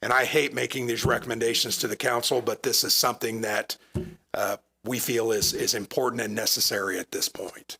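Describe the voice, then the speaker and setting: A hoarse town manager speaks at a council dais, his voice gravelly and husky as it gives out. He explains in an earnest, patient way, with a bright, forceful edge. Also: medium pitch, fairly even intonation, brisk. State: losing his voice. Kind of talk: presenting at a council meeting. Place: council chamber.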